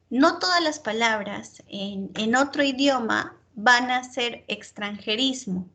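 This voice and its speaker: Slow-talking female teacher, tag questions. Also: on the high side, a bit bright. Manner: checks in with frequent tag questions; explains patiently with spoken examples. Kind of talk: online class lecture.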